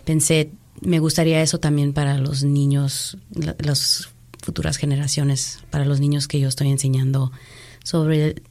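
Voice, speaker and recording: Slow, gravelly low-voiced woman. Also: level tone, a little mellow. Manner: hesitant, many fillers, slips into English words. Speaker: teacher and group leader. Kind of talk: casual interview talk. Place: Chicago.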